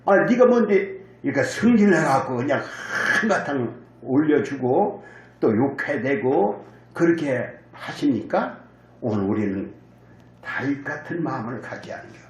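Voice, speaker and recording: A man's voice: medium pitch, animated, moderate pace. A male pastor preaching a sermon, telling the story vividly, acting out quotes and calling on the congregation to answer. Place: church sanctuary. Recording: echoey church hall.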